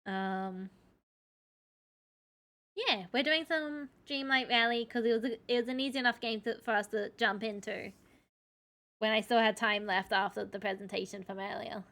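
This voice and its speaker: A woman's voice: a little high, moderate pace, pushed and bright. An Australian woman doing casual livestream commentary while she plays a game. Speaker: livestreamer, VTuber. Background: music.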